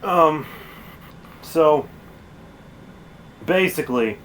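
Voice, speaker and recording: A man's voice: on the high side, lively intonation, extremely slow, a bit bright, slight background noise. A man streaming a game, chatting casually and rambling with lots of fillers and self-corrections. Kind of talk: casual chat while gaming.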